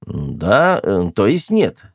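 A man reading an audiobook, voicing a sly, lazy male spaceman who whines and fakes being ill, slower and lower than his narration. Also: huge pitch swings, no room sound, studio quality, full character voice. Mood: whiny. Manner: whiny, put-upon and sly.

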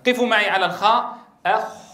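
A man's voice: high-pitched, lively intonation, a little fast, reverberant. A man teaching the rules of Quran recitation to trainee teachers. He asks the class questions and drills letter sounds aloud. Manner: loud stressed demonstrations of letters. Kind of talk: tajweed lesson to trainee teachers.

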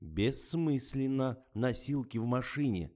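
A man's voice: medium pitch, animated, unhurried, mellow, pitched above the performer's own voice, close to an everyday voice. A man voicing a stern male ambulance doctor in an audiobook, speaking in an official, brusque, insistent way.

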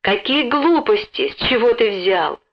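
A woman's voice: a little high, very animated, a little slow, full character voice. Woman reading as a genteel mother, emotional, trembling, exclamatory, lo-fi sound. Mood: gently chiding. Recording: dull lo-fi recording.

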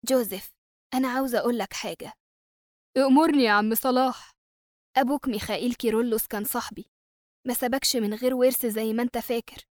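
A woman reads the lines of a calm, steady older Egyptian man, in her own fairly high voice with a brisk pace. The sound is dry and close. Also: no echo, close to an everyday voice. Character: old father, calm and steady. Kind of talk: audiobook character reading.

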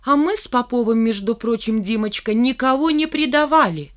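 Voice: mid-range voice, animated, moderate pace, a bit bright, voice pushed up, lightly acted. A reader voicing a sly, mocking schoolgirl in an audiobook, teasing and challenging. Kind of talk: audiobook character reading.

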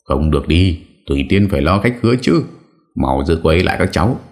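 A flustered middle-aged father talks in a hurried, fretful way, voiced by a man. The voice is extremely deep, close to the reader's own, in an audiobook story.

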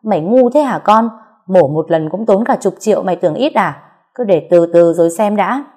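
A woman's voice: lowish voice, brisk, dark tone, lightly acted. A woman voicing a harsh old mother-in-law. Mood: scolding. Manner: scolding, blunt.

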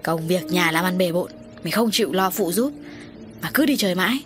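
Give me a weary stern father, grave and measured, read by a woman. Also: lowish voice, animated, over music, lightly acted.

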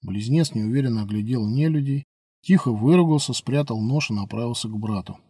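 Male audiobook narrator, mellow and slightly breathy, dry booth sound. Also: fairly quick, no echo. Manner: steady storytelling read, voices characters by lifting pitch. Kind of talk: scripted narration.

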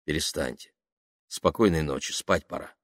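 A man's voice: a bass voice, moderate pace, no room sound, clean studio sound. A man doing a curt, weary middle-aged husband. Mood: tired. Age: 30s. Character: weary married man, 38, stern, easily exasperated.

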